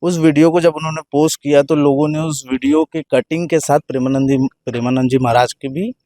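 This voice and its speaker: A man's voice: on the high side, steady tone, a little fast, dark tone. A man on a discussion panel, recounting a sequence of events with stumbles and restarts. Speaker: panel guest. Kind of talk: discussion commentary.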